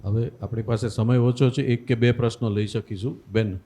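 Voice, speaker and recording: A man with a dark, mellow voice, moderating a question session. He speaks in a plain, measured way as he passes on audience questions. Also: medium pitch, steady tone.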